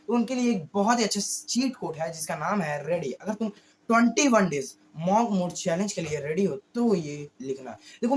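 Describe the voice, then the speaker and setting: A male YouTube creator with a hoarse voice, giving a casual motivational monologue slowly, often stumbling and correcting himself. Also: sits high, slight background noise. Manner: talks slowly on purpose, with frequent slips and self-corrections.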